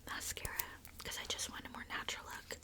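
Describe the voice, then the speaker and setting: A young woman whispering casually through an ASMR makeup routine, chatty and filled with little likes and asides, close to a handheld camera mic. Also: fast. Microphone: close camera mic, handheld filming.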